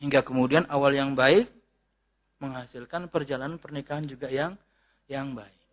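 A man's voice: mid-range voice, fairly even intonation, normal speed. A man giving a chatty, joking religious lecture and answering questions as an ustadz. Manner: jokey, chatty, laughs at his own jokes. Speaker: ustadz, Islamic preacher. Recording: dull lo-fi lecture recording.

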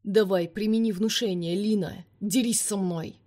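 A woman's voice: medium pitch, steady tone, moderate pace, lightly acted. Woman voicing Nick, a harsh vampire man. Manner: forceful, commanding.

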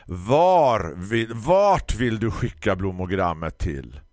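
A man's voice: high-pitched, wildly swooping pitch, no room sound, studio quality, voice pushed up. Man doing a snappish grumpy woman florist. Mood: irritated, triumphant. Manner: snappish, huffing and impatient. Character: grumpy middle-aged woman florist, curt and irritable.

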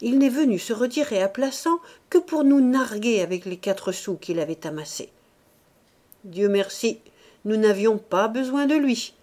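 A woman's voice: sits high, big pitch swings, unhurried, darkish tone, voice pushed up, full character voice. A woman voicing an elderly self-righteous bourgeois mother who laments plaintively in an audiobook. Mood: indignant lament. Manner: indignant, plaintive.

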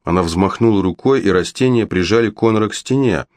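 A man narrating an audiobook in steady scripted storytelling. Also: lowish voice, brisk, dry recording.

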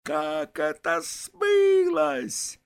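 A man voicing an excitable young boy in a children's storybook, his voice pitched high and shrill. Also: very slow, creaky, exaggerated voice. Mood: agitated.

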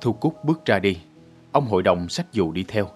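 Man reading a novel aloud, low husky voice, steady pace. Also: soft background music. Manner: steady, measured narration. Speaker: narrator. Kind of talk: storybook reading.

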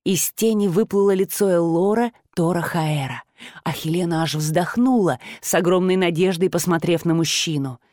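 A woman reading first-person fiction aloud in an expressive, dramatic manner. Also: lowish voice, moderate pace, no room sound, clean studio sound. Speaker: audiobook narrator.

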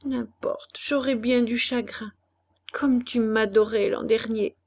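Woman doing a gentle young wife, storybook, breathy, soft and slow. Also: a little high, animated, full character voice. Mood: tender. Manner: pleading, tender. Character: young married woman, tender and sensitive.

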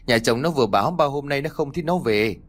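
A man's voice: medium pitch, lively intonation, quick pace, natural voice. Man doing a tearful, begging village mother. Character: weeping, anxious middle-aged village mother.

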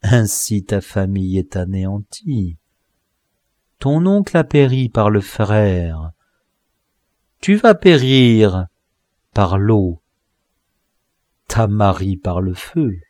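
A man reading an audiobook, voicing a vengeful dwarf villain who mixes Spanish words into his shrill cursing threats. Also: expressive, slow, long pauses, darkish tone, no room sound, clean studio sound. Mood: cold gloating. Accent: Spanish words mixed in. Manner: shrill, spitting curses and threats.

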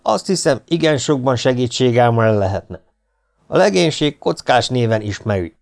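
A man's voice: mid-range voice, expressive, gravelly, a little mellow. A man reading an audiobook, voicing a polite, earnest aristocratic legionnaire. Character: determined young aristocratic male legionnaire. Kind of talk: audiobook character voice.

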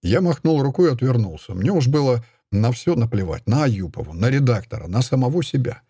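A man narrates a literary audiobook in the first person, telling the story expressively. His voice is husky and dark, with a lively, wide-moving pitch. The recording is dry and close. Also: brisk, no room sound. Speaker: audiobook reader.

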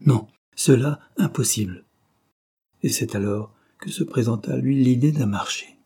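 Husky, dark-voiced male narrator. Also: mid-range voice, moderate pace. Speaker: audiobook reader. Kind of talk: scripted narration of a novel.

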